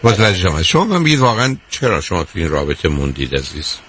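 A man's voice: low-pitched, very animated, fairly bright tone, slight background noise. A man hosting a call-in advice show as a psychologist, asking callers blunt, probing questions. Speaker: psychologist radio host.

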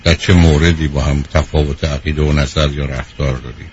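A man's voice: a bass voice, steady tone, lo-fi sound, slight background noise. A man hosting a call-in advice show, blunt and direct, firing questions at the caller. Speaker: radio advice host.

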